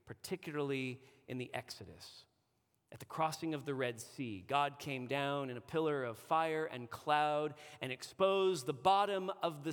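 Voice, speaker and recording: A man's voice: on the high side, a bit bright. A man preaching a sermon, weaving a personal story into his teaching with earnest conviction. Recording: long hall reverb.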